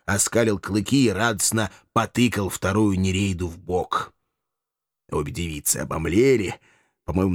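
A man's voice: sits low, no room sound, studio quality. A man narrating a comic fantasy audiobook in the first person, with a wry, ironic manner.

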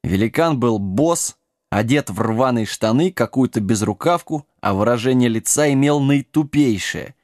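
A man reading a comic fantasy story aloud in an expressive way. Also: medium pitch, normal speed, dry recording, studio quality.

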